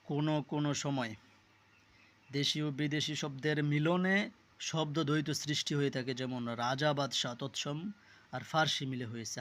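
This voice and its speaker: Male tutor, somewhat high voice, reads word lists for exam prep. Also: a bit bright. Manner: reads lists of words slowly, with small self-corrections. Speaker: teacher. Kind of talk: reading and explaining a word list for exam study.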